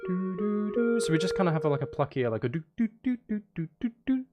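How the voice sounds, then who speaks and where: Very animated and fast, a man with a high-sitting voice livestreams his music-making and rambles casually to viewers, thinking out loud. Music and synth sounds run underneath.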